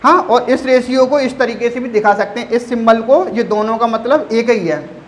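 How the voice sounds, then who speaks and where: A man's voice: very high-pitched, a little hiss or hum, low-quality recording. A male teacher giving a phonetics lesson. He calls his listeners friends, stretches out his example words, and asks a question before answering it himself. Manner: drawn-out word examples. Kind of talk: phonetics lesson for exam students.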